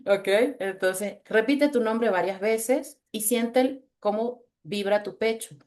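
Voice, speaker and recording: A woman with a low, chest-resonant voice, leading a webinar on voice in a lively, teasing, conversational way over a video call. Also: slow pace. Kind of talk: webinar talk with exercises.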